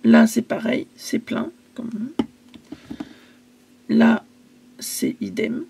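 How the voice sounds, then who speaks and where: A woman's voice: fairly high pitch, level tone, extremely slow, vocal fry, warm tone, slight background noise. A woman casually selling her craft supplies in a vlog, chatty and hesitant, stumbling over English product names.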